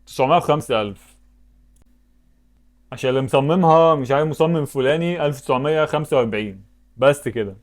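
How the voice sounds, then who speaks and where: A man with an Egyptian Arabic accent, a YouTuber, comments casually on the web games he plays, talking fast but with long pauses. His pitch is medium, and he thinks aloud before breaking into sudden exclamations.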